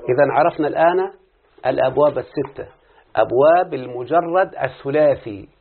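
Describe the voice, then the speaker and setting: Egyptian guy teaching grammar, keeps asking the class "what?", husky voice, tinny like a phone line. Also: medium pitch, a little fast. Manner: questioning, drawing students in with repeated "what?" prompts. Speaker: teacher of Arabic morphology. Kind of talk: classical Arabic grammar lesson with opening prayers.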